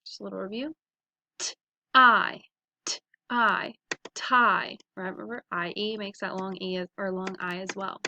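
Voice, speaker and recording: A woman teaching a phonics lesson to young children, sounding out letters and words slowly and clearly. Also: mid-range voice, flat delivery, fairly bright tone, no room sound.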